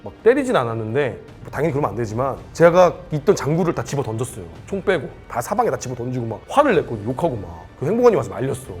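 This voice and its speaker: A man's voice: medium pitch, very animated, very fast, hardly any pauses, a little mellow, faint music behind. A man in his thirties, a former platoon leader, telling army stories in casual chat and acting out the dialogue in changing voices.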